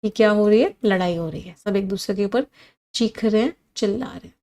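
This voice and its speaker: A woman's voice: medium pitch, fairly quick. Indian woman teaching vocabulary live. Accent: Indian English. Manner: animated, reads comments and drills synonyms with students. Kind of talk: live online vocabulary lesson.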